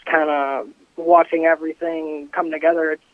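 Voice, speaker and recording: A man's voice: on the high side, flat delivery, normal speed, dry recording. A man in his twenties, a company co-founder, speaking in an interview in a loose, rambling way with many fillers. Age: 20s. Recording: tinny phone line, dry.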